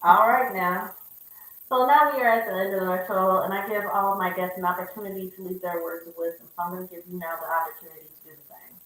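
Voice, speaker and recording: A woman's voice: fairly low pitch, fairly even intonation, fast, fairly bright tone, recorded from a distance. Woman host, casual live interview, laughs often, very echoey room. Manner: laughs often, affirming "okay".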